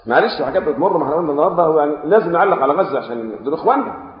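A man with an Egyptian Arabic accent gives a religious lesson in a rapid, fairly high voice. He hits key words hard, drops into quiet asides and keeps asking his listeners questions. The sound is roomy with a long hall reverb and a dull, lo-fi tone. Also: animated. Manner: switches between loud emphatic stresses and quiet asides, asks the audience questions. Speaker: preacher. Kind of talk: religious lesson explaining classical texts.

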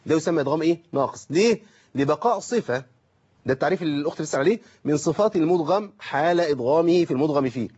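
Fast-talking Egyptian man teaching recitation. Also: on the high side, animated, a little mellow, breathy edge, highs cut off. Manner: explains with rhetorical questions and slow drawn-out demonstrations. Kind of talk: call-in tajweed lesson.

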